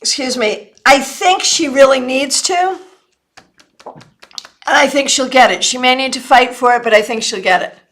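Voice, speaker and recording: High-voiced woman with hiccups. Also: fairly bright tone. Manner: apologetic, chatty, quick answers to viewers. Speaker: tarot reader hosting a live stream. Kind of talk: casual live-stream readings.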